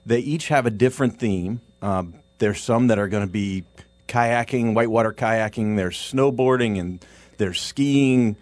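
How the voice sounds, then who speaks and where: Halting American man, low-ish dry voice. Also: a little mellow, no room sound. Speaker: radio interview guest, outdoor shop representative. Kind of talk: casual promotional interview.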